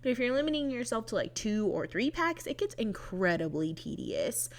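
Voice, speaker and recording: A woman's voice: fairly high pitch, big pitch swings, normal speed. A young woman chatting casually over a voice-over, rambling and laughing often, her nose stuffed up from crying. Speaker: Sims builder vlogger.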